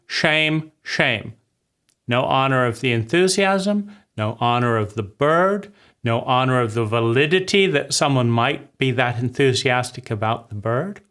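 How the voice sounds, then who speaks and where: A man giving a reflective talk on psychology, often asking "right?" and acting out quoted voices with sudden rises in pitch. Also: a bit bright. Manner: acts out quoted voices with big pitch jumps; repeats words and says "right?" often. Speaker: speaker on psychology.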